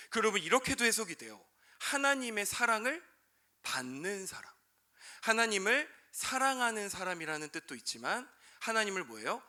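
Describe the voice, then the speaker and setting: Man, twenties, youth pastor, sermon, animated pitch, calls out to listeners. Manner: asks the audience questions and answers them himself; keeps calling out to listeners. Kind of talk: sermon to high school students.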